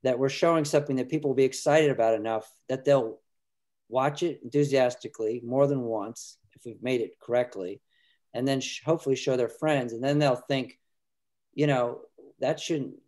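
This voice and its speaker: A middle-aged filmmaker, appearing as a guest, talks earnestly on a casual video call from a room in his home. His voice is mid-range and a little mellow, and he speaks haltingly, restarting sentences often. The sound comes through a webcam.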